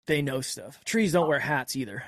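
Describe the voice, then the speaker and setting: A woman's voice: a bass voice, lively intonation, moderate pace, no room sound, clean studio sound. A woman in casual chat, giving short agreeing replies and thinking aloud.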